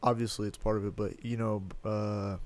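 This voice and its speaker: Guy guesting on a fight podcast, kinda low voice, rambly and animated. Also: moderate pace. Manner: chatty, animated, full of fillers. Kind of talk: casual chat.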